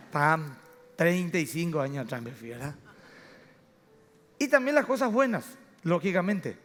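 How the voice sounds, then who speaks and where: High-voiced pastor preaching in a hall. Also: male voice, sing-song, slow, pauses often, fairly bright tone. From Paraguay. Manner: storytelling, acting out family dialogues. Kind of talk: sermon. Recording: reverberant church hall.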